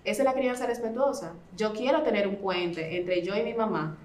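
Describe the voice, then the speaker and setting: A woman speaking as a parenting expert guest, explaining in a conversational way and acting out gentle talks with a child. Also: mid-range voice, moderate pace. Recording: roomy echo.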